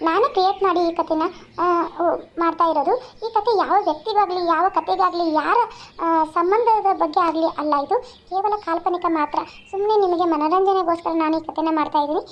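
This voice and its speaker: A woman's voice: very high voice, fairly quick. A woman, the channel's creator, earnestly and in a friendly way addressing viewers at the end of a video. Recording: slightly dull lo-fi sound.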